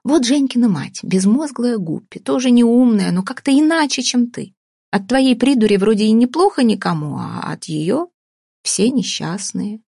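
A woman reading an audiobook voices a domineering, sarcastic older businesswoman who talks slowly and deliberately, with a husky tone. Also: fairly high pitch, lively intonation, darkish tone, dry recording, studio quality, pitched above the performer's own voice, full character voice. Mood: sardonic. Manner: cutting, sarcastic, slow deliberate delivery.

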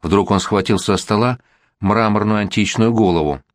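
A man narrating an audiobook in a steady, even voice. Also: fairly low pitch, moderate pace, no room sound, clean studio sound.

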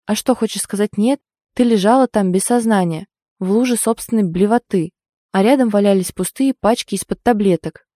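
An anxious, protective young friend, as a woman reads her in an audiobook, full of worried, hurried pleading. The tone stays warm and mellow. The sound is dry and close, with no room around it. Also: mid-range voice, no room sound, natural voice. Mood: alarmed.

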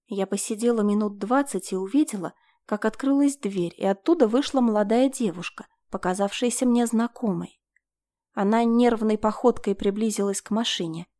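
A woman reading a first-person crime story aloud in an even, measured way. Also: mid-range voice. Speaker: narrator.

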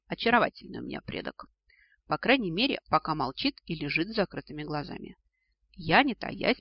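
Male audiobook narrator, expressive and ironic, dry lo-fi recording. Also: on the high side, vocal fry, husky, no room sound. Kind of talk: scripted narration.

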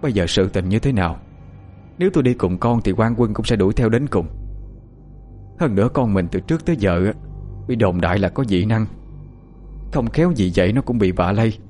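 Brief: man voicing a devoted noblewoman, firm through tears, lively low voice. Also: brisk, long pauses, soft background music, close to an everyday voice. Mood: resolute. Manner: firm, tearful resolve. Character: resolute noblewoman, devoted wife and mother.

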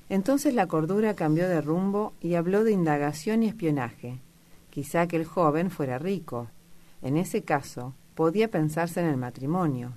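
A woman reading a classic novel aloud as an audiobook narrator, measured and even. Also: sits low. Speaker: audiobook reader.

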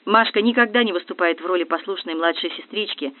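Brief: brisk ironic storyteller reading a comic novel, dead-dry close audio, thin band. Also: mid-range voice, dry recording. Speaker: audiobook reader. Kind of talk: first-person comic novel narration. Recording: dry, tinny phone-like audio.

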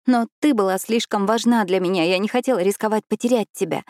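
A woman's voice: medium pitch, fast, a little mellow, no echo, studio quality, pitched above the performer's own voice, lightly acted. A woman voicing a timid, guilt-ridden young woman who pleads and apologizes in an audiobook. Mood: pleading. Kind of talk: audiobook character voice.

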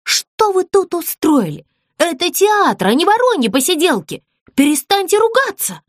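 Strict serious girl doll in charge, firm, commanding, high voice, read by a woman. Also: big pitch swings, normal speed, no room sound, studio quality.

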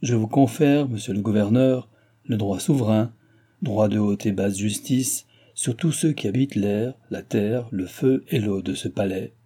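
A man's voice: on the low side, measured pace, mellow, husky. A man voicing a bored aging king who banters idly, in an audiobook reading. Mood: mock-solemn. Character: aging bored male king, idle and teasing.

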